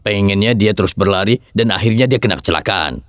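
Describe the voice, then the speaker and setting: A man's voice: on the low side, quick pace, dry recording, clean studio sound, close to an everyday voice. An actor dubbing a whiny henchman complaining to his boss in a TV drama. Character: whiny male sidekick henchman. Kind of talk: dubbed TV drama.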